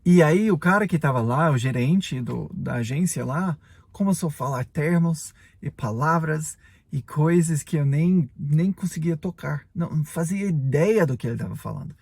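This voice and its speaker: A native English speaker in his forties, an English teacher, gives a chatty podcast lesson in Portuguese, often tagging sentences with little check-ins. His gravelly, husky voice is a little high and darkish, animated at a moderate pace, with no echo.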